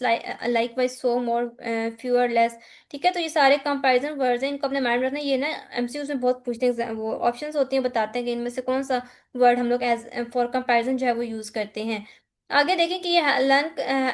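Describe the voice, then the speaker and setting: Woman, Pakistani accent, high voice, online tutor, exam-prep lecture, reads points then explains, frequent check-ins. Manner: mixes Hindi-Urdu with English terms, reads slide points then explains them.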